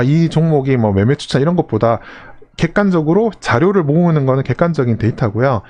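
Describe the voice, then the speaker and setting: A man's voice: fairly high pitch, a little mellow. A man hosting a live stream, answering a viewer's question in a loose, rambling way that keeps circling back to restart phrases. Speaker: investing channel host.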